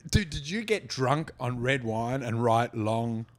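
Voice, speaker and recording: A man, hosting a casual chat, crude and quick to mock. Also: medium pitch, animated. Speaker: podcast host.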